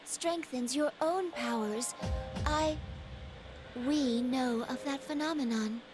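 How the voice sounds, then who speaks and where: A woman voicing a polite, earnest female android with a measured, formal delivery, with game music behind. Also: high voice. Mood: calm.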